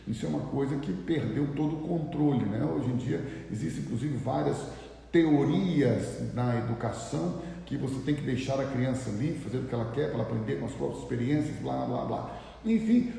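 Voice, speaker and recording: Animated Brazilian pastor in an echoey room. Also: male voice, medium pitch, fairly quick, creaky, a little hiss or hum. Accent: Brazilian Portuguese. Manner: conversational, animated, with mock voices. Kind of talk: live morning sermon. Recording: echoey room with long reverb.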